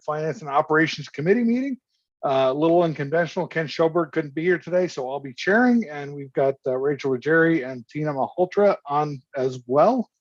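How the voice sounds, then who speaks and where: A man's voice: fairly high pitch, no room sound. A man chairing a committee meeting over an online group call, speaking formally with hesitant fillers. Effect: heard over an online group video call. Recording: dull dry call audio.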